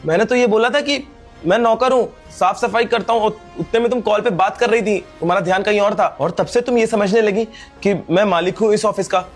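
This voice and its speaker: A man's voice: high-pitched, a little fast, faint music behind. A man playing a poor young servant who earnestly pleads with his girlfriend not to leave him. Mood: pleading. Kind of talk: scripted skit acting.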